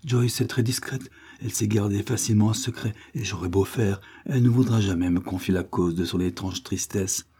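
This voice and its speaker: A man voicing a kindly, composed gentleman lawyer who speaks in a gentle, measured way. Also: on the low side, steady tone, slightly rough. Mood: pensive.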